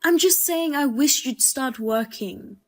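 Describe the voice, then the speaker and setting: A woman with a high voice who tells a storybook drama as the wife and narrator. She talks in a calm, measured and firm way. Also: faint music behind.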